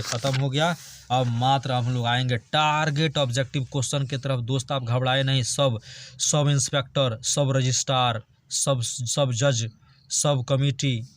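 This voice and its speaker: A male teacher gives an online grammar lesson, reading word lists aloud and joking with his students. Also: mid-range voice. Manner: chatty, jokes with students, drills word lists.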